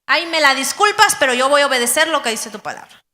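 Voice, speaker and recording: Lady pastor preaching live, high bright voice, big church echo. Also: fast. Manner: animated preaching, acting out quoted voices of believers. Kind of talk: sermon. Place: church hall. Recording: live church stream with long hall reverb.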